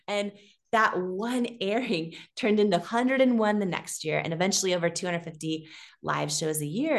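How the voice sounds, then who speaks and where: Woman telling an animated, emotional story. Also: on the low side. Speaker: podcast guest, entrepreneur. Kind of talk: storytelling in an interview.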